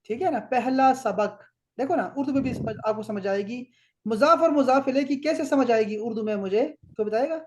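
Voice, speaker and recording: Brief: Pakistani man, Arabic teacher checking homework, repeats words slowly. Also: very high-pitched, slight background noise. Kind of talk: correcting homework in class.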